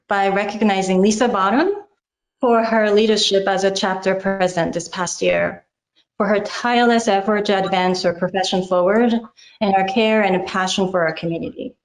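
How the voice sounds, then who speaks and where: A middle-aged Japanese woman, whose first language is Japanese and who speaks with a Japanese accent, gives an earnest, measured acceptance speech as the incoming chapter president, hesitating slightly at times. Her voice sits in the mid range, and the poor audio echoes around the room.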